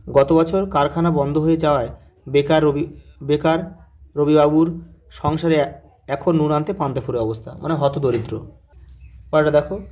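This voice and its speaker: A man teacher, his voice a touch high, steps through exam questions. He keeps telling students to look at the next one and sounds out words slowly, syllable by syllable. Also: a little mellow. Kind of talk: exam answer walkthrough.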